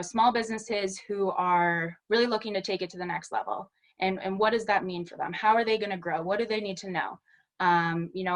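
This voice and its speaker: A woman, giving a chatty, upbeat webinar presentation over a video call. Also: lowish voice. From Western Massachusetts. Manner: chatty and upbeat, many "you know"s. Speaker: guest speaker, small business specialist.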